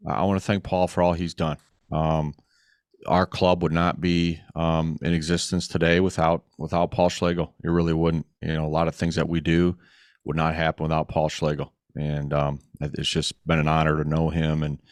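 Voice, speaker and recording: A middle-aged man with a very deep voice speaks as a podcast guest. His delivery is flat and earnest, with halting pauses, and the sound is close and dry. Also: no echo. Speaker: guest, racing club organizer. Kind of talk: casual podcast interview.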